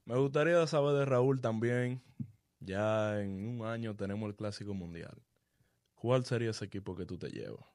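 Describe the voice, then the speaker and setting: A man's voice: on the low side, expressive, moderate pace, darkish tone, no room sound, studio quality. A man hosting a sports podcast, casually prompting his guests with questions.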